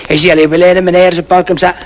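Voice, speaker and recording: A man's voice: sits high, flat delivery, rapid-fire, natural voice. A man playing a boastful Flemish peasant who rambles through a tall tale in broken French with a Flemish accent, dropping in Dutch oaths and endless "hein". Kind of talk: comic monologue in broken French. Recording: old 1960s record with music.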